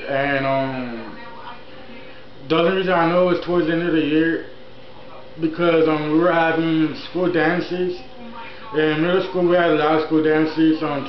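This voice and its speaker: A man in his early twenties telling a personal story in a casual, rambling vlog style, often repeating himself. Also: on the high side. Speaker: YouTuber, channel host. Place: indoor room at home, TV on. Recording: echoey room, dull sound, faint noise.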